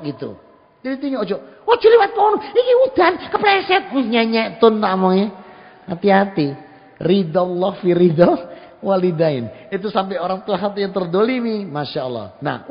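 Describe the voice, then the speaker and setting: Lively East Javanese preacher in a hall. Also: male voice, high voice. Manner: lively, folksy, acts out quoted speech, mixes in Javanese. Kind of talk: sermon. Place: mosque hall. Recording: dull lo-fi sound, long hall reverb.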